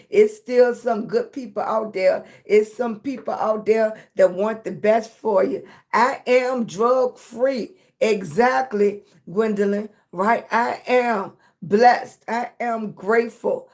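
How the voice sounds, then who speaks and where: An American woman hosts a motivational livestream chat in a fairly high, darkish voice. She's an affectionate, encouraging content creator who speaks emphatically, checks in with her viewers often, and calls them pet names like baby and sweetie.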